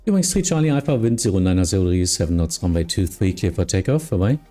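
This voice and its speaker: Male tower controller, dark soft tone, casual stream chat and clearances, faint music. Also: low voice, very animated, quick pace. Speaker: live streamer playing tower air traffic controller.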